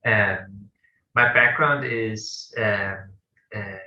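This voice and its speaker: A Danish co-founder in his thirties answers interview questions as a guest, speaking with a Danish accent, hesitantly and full of fillers and restarts. His fairly low voice is bright and forceful, with drawn-out words. The room is echoey and the sound dull and lo-fi.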